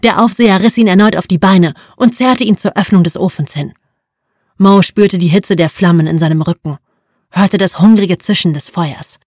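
A woman narrating an audiobook in a measured, vivid storytelling manner. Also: on the low side, darkish tone, no room sound, clean studio sound. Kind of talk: scripted narration.

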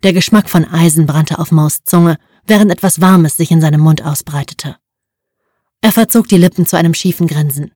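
Low-voiced woman narrating a gritty tale. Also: normal speed, darkish tone, dry recording, studio quality. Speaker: audiobook narrator. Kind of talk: scripted narration.

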